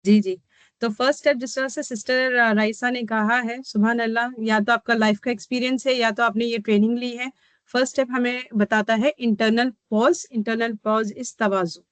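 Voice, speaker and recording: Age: adult. Sex: woman. Role: counsellor teaching on a video call. Pitch: fairly high. Sound: dry and close. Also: fairly even intonation, normal speed, no echo. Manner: explains step by step, often asking "ठीक है?". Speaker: counsellor leading an online workshop. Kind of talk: teaching workshop, mixing Hindi and English.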